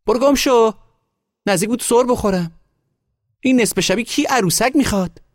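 A man's voice: very high voice, no echo, studio quality, pitched above the performer's own voice. A man voicing a stout, angry woman who scolds shrilly. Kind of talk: audiobook character voice.

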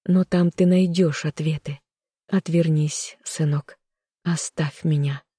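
An audiobook narrator voicing a sorrowful, self-sacrificing mother who speaks softly and quietly. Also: medium pitch, fairly even intonation, takes it slowly, slightly rough, no room sound, clean studio sound. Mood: sorrowful tender. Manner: soft, quiet and resigned. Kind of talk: audiobook character reading.

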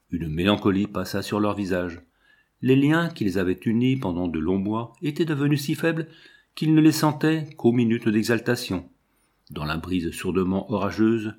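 Low-voiced man reading a novel. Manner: measured, expressive literary reading. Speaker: audiobook reader. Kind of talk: scripted narration.

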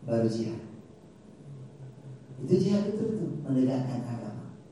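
Male Quran teacher, animated and jokey, recorded far off in a boomy hall. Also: moderate pace. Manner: animated, joking, colloquial. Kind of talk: lively study-circle teaching. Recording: echoey hall, mic far off.

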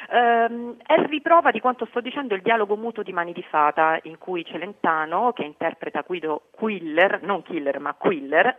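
Woman linguist, phone-in radio commentary, academic and articulate, lively pitch, tinny line. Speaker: linguist columnist.

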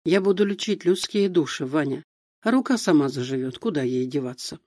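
A man reading a gentle, idealistic teacher. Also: a little high, lively intonation, brisk, no echo, studio quality. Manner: gentle, earnest. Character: kind idealistic older male teacher.

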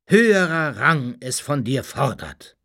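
A man doing a booming, unearthly solemn voice. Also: sing-song, sharp tone, no room sound, clean studio sound, heavily acted. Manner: slow, solemn, proclaiming. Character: booming unearthly voice of a higher being.

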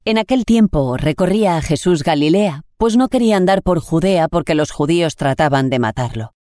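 A reader with a Spain Spanish accent, slowly and solemnly reading a Gospel passage and a reflection on it. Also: medium pitch, expressive, a little mellow, no room sound, clean studio sound. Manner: measured, solemn, deliberate phrasing. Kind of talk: scripted liturgical reading.

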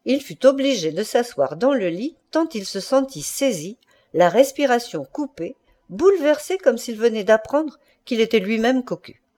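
A woman narrates a classic short story for an audiobook. Her tone is mellow and dark, and her pitch moves in lively arcs that follow the drama of the prose. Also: moderate pace. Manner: expressive literary reading. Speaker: audiobook reader. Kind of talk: scripted narration.

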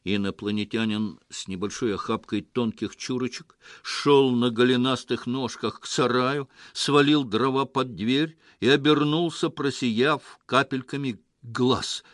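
A man narrating a story in an expressive scripted reading. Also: medium pitch, measured pace, hardly any pauses, dry recording, studio quality. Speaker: audiobook narrator.

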